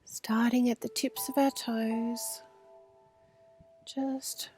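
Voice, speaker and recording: A woman guiding a meditation outdoors at a retreat, speaking slowly and soothingly and often sinking into soft whispers. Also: on the high side, level tone. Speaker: meditation guide. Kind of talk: guided meditation. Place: outdoor retreat under a pyramid structure. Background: instrumental music.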